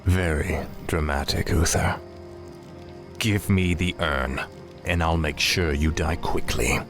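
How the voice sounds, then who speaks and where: An actor playing a cold, arrogant young prince turned death knight in a fantasy video game, menacing and dismissive. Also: male voice, very deep voice, steady tone, slow, faint music behind. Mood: menacing, mocking.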